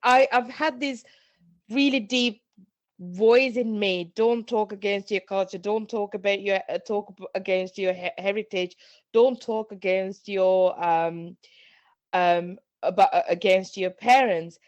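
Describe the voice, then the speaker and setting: A middle-aged woman from Sri Lanka talks as a podcast guest, earnest and reflective, circling back and repeating words as she thinks. Her voice sits at an ordinary middle pitch for a woman. The sound is close and dry, with no room around it. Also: fairly even intonation, unhurried, no echo, highs cut off. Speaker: guest, parenting coach. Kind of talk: podcast interview.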